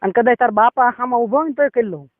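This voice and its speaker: A man's voice: very high voice, fast, no echo. A man speaking on a private phone call, pushy and insistent, often tagging his sentences with a question. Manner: pushy, insistent, repeats "બરોબર?". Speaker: caller. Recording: tinny phone line call recording.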